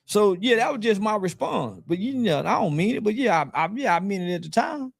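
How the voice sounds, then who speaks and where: High-voiced man ranting bluntly. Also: big pitch swings, fairly quick, gravelly, no echo. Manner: profane, blunt, repeats himself; defiant and angry. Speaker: interview guest. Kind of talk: heated interview rant.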